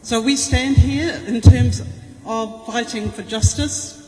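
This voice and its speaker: An older woman from New gives an impassioned, deliberate public speech, stressing her points by repetition. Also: fairly high pitch, warm tone, slight background noise. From New Zealand. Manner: deliberate, emphatic, with repeated phrases. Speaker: presenter and activist. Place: large echoing indoor venue. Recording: echoey hall with long reverb.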